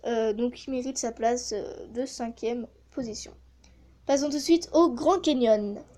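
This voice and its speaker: A chatty woman talks casually for her gaming channel. Her voice sits high but sounds mellow and warm. She pauses often to hesitate as she thinks. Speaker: gaming YouTuber testing a voice changer app. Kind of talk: casual vlog commentary.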